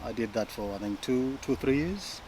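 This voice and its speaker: A man's voice: mid-range voice, animated, normal speed, noisy background. A man from Malawi, a guest in a casual interview, who talks with many fillers and restarts.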